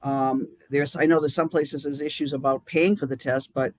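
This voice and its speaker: A man with a Boston accent, a guest in a live-stream interview, talking in a rambling, halting way with many fillers. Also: medium pitch, steady tone, dry recording.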